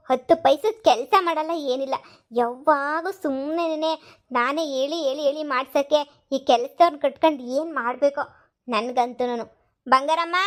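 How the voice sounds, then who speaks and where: A woman voicing a bossy rich homeowner wife in a cartoon comedy, scolding and shouting for the maid. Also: sits high, lightly acted.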